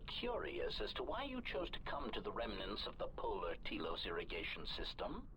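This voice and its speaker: Grating metallic assassin droid. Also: male voice, low-pitched, pushed and bright, slight background noise, full character voice, low-quality recording. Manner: announces each line's intent in clipped labels. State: malfunctioning, systems failing. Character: menacing male assassin droid, cold and polite. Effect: metallic robot voice filter. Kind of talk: video game voice acting. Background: game music.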